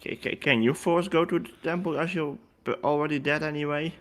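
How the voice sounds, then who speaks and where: A man's voice: fairly high pitch, fairly quick, fairly bright tone. A man playing in a tabletop game, stuttering on the starts of his words. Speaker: player.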